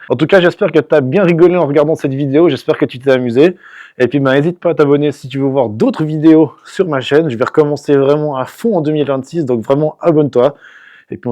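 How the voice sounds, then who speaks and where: A man with a Swiss French accent, vlogging from a helmet camera while riding in snow, excitable and swearing, laughing often. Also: fairly high pitch, no echo. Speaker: motorcycle vlogger. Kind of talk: helmet-cam vlog commentary. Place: outdoors riding a motorcycle in snow. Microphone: helmet camera mic.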